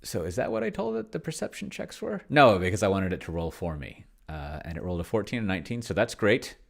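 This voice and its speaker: In a deep, creaky, sing-song voice, a man talks fast while typing through a solo tabletop game. His screen-recording commentary is casual and rambling, full of thinking aloud and muttering. Keyboard typing fills the background.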